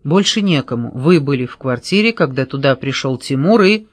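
A man reading a sharp-witted male private detective in an audiobook, pressing a suspect with sarcastic questions. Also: medium pitch, lively intonation, moderate pace, dry recording, natural voice.

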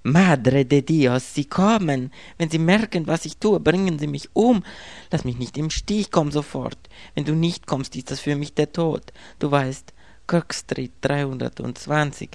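A man's voice: on the high side, slow, hardly any pauses, darkish tone, no room sound, pitched above the performer's own voice. A man voicing a frightened young woman with a slight foreign accent who pleads urgently over the phone. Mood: panicked.

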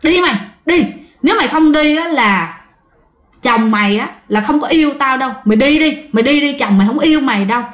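Woman doing a commanding, taunting ghost woman for a spoken ghost story; high, roomy. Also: lively intonation, brisk. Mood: harsh, urgent. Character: menacing ghost woman luring a dying mother.

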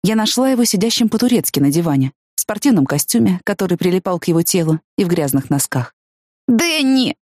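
A woman's voice: expressive, quick pace, hardly any pauses, darkish tone, no echo, studio quality. A woman reading a first-person story aloud as an audiobook, dramatic and intense in its voicing. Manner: dramatic, rising to high anguished cries in quoted speech. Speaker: narrator.

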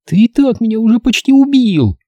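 A man's voice: sing-song, moderate pace, mellow, husky, no echo. Man putting on a cross sleepy young girl. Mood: indignant. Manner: high, petulant and sleepy.

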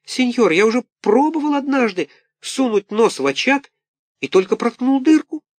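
A man voicing a small wooden puppet boy who whimpers in a thin, tearful, shrill voice in a storybook reading. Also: lively intonation, normal speed, no room sound. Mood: earnest explaining.

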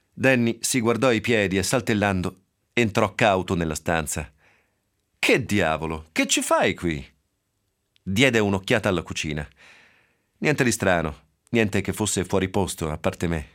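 Deep-voiced man reading a novel on radio. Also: a bit bright. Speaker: reader. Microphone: radio studio microphone.

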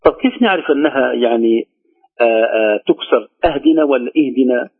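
A man teaching Quran recitation, slowly drawing out each word he demonstrates. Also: mid-range voice, expressive. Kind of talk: recitation lesson. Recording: tinny phone-line sound.

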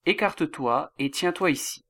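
A man's voice: a little high, lively intonation, normal speed, pushed and bright, no echo, full character voice. A man voicing a grieving old king who laments his son in a raised voice. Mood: anxious, regal.

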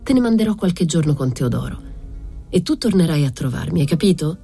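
Older gushing nobleman for an audiobook, a woman reading him, deep and breathy. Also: expressive, a little fast, dark tone, faint music behind, full character voice. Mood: coaxing. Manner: effusive, quotes scripture. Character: sentimental wordy older nobleman, sixty.

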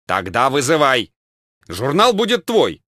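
A man's voice: medium pitch, wildly swooping pitch, a little slow, pushed and bright, dry recording, clean studio sound, full character voice. A man voicing a meek, childish male asylum patient who sounds plaintive and needy, in a comic audiobook. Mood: pleading.

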